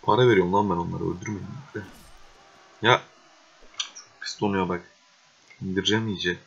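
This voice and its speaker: A young man giving casual gameplay commentary, swearing and exasperated, with excitable outbursts. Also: low voice, normal speed, gravelly, husky. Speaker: gaming video host. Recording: dull lo-fi recording.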